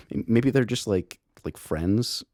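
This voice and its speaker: A man's voice: on the low side, animated, drawn-out words, warm tone, no echo, studio quality. A young man hosting a casual podcast chat, rambling and profane, with lots of restarts and laughter. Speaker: podcast host.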